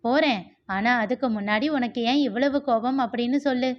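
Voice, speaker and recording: A woman reading a gentle older brother. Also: fairly high pitch, moderate pace, lightly acted. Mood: confiding. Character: young man, gentle and reflective older brother. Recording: muffled lo-fi recording.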